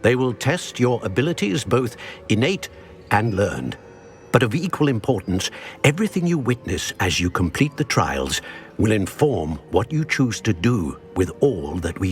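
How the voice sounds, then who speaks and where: An actor playing an ancient, solemn wizard in a video game, a wise mentor speaking in a measured, formal and grave manner. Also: male voice, fairly low pitch. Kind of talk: scripted game dialogue.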